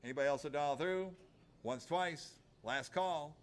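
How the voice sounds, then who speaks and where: A man's voice: a little high, clear, resonant tone. Male auctioneer calling bids. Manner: rhythmic, repetitive patter with rapid-fire numbers and stock phrases.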